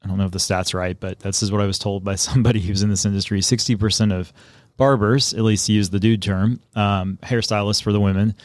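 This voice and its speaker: Male podcast co-host, slightly low register, relaxed conversational explainer, studio setting. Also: quick pace, dry recording.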